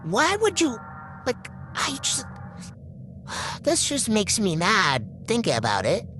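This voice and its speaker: A woman's voice: medium pitch, slow pace, faint music behind. A woman commenting casually on her own gameplay footage, exasperated and rambling, restarting her sentences often. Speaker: gaming video creator. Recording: steady background noise.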